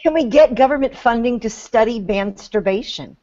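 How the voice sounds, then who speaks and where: A woman's voice: on the high side, expressive, moderate pace, mellow. A woman co-hosting a political podcast, playful and teasing. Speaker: podcast co-host. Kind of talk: casual political podcast chat. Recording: dull lo-fi sound.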